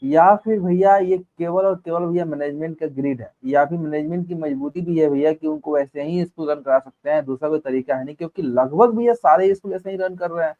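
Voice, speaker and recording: A man's voice: fairly high pitch, brisk, hardly any pauses, dark tone, highs cut off. A man interviewing a former fellow teacher, deferential and casual, often addressing him as an elder brother. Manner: deferential, keeps calling the guest elder brother.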